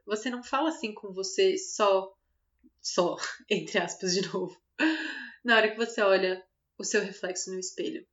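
A woman with a Brazilian Portuguese accent, speaking gently and conversationally to her listener about self-compassion, laughing lightly now and then. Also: mid-range voice. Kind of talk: motivational self-talk monologue. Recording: slightly dull lo-fi sound.

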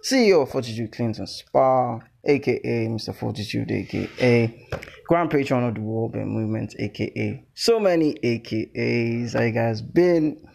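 A Nigerian-accented man hosting a podcast, chatting informally and playfully with animated teasing and Pidgin slang. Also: mid-range voice, moderate pace, creaky. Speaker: podcast host.

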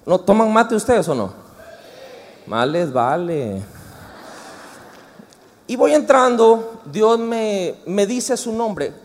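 In a reverberant hall, a man with a Mexican Spanish accent preaches a sermon in a high-pitched voice, speaking slowly with frequent pauses. He's animated, joking and chatting with the congregation, and there's a little hiss or hum.

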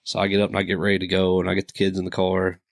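A man's voice: sits low, completely flat delivery, racing, vocal fry, dry recording, clean studio sound. Profane man telling a story. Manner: profane, laughs through his story. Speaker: podcast co-host. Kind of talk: casual storytelling.

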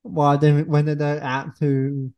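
A young woman guest on a podcast, speaking in a halting way and searching for words with pauses and "uh". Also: low-pitched, little pitch movement, dark tone. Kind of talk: casual conversation. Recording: dull lo-fi recording.

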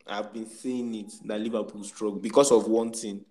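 A man's voice: lowish voice, fairly even intonation, normal speed, a little mellow, roomy sound. A man in a casual sports debate, speaking emphatically and repeating his points for weight. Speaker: football podcast panelist.

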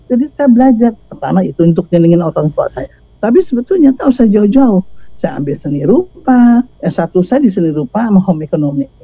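An older woman talks as an interview guest, slangy and lively, jumping into little acted-out voices as she tells her stories. The audio is close and dry, with a slightly dull, muffled top end. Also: medium pitch, fairly quick, husky, dry recording. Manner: lively storyteller, slangy, acts out quoted voices. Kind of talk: casual interview talk.

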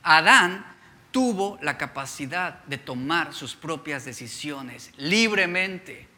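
A man's voice: a little high, expressive, slow, bright, forceful tone. A male pastor preaching a sermon, asking the congregation rhetorical questions as he reads and explains scripture.

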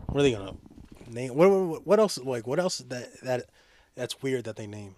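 A man's voice: medium pitch, lively intonation, moderate pace, a little mellow, no room sound. A young man bantering casually with a friend in frat-bro slang, saying bro constantly.

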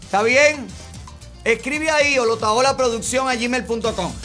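A man hosts a live call-in game, ribbing his callers with jokes. His voice sits very high and rings bright, with faint music playing under him. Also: moderate pace. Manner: joking, teasing. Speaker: host.

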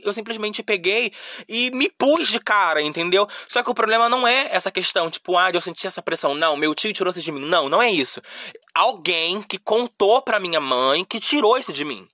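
A young Brazilian man with a high, bright voice tells his own story confessionally. He circles back and repeats himself, full of fillers. The sound is dry and close. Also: no echo. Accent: Brazilian Portuguese. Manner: emotional, repetitive, lots of fillers. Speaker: podcast host.

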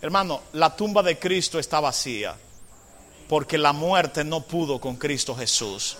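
A man preaches to his congregation in a high, bright voice. He drops to hushed asides, then rises into loud, slow proclamations and puts questions to the listeners. His voice rings with the long reverb of a church hall. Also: animated. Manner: asks the congregation rhetorical questions. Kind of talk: sermon.

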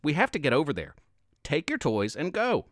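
A man voicing an eager male Christmas elf who talks quickly and urgently. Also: a little high, wildly swooping pitch, a bit bright, no echo, studio quality. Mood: impatient.

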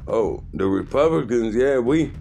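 A man's voice: medium pitch, lively intonation, measured pace, gravelly, warm tone, soft background music, pitched above the performer's own voice. A man putting on a whiny, sing-song voice to mock scolding male political critics.

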